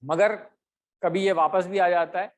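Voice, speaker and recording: A man teaching an online grammar class, speaking patiently, pausing often with fillers and stretching out drill words slowly. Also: sits high, fairly even intonation. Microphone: computer mic on a video call with camera off.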